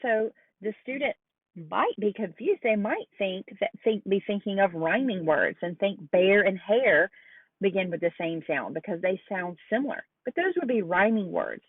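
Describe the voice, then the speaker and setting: A woman delivers a recorded lecture, pausing to sound out words slowly and deliberately. The audio is thin and phone-like, and the room is dry. Her pitch sits in a middle range. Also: lively intonation, husky, no echo. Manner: slow, deliberate modeling of sounds. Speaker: teacher educator.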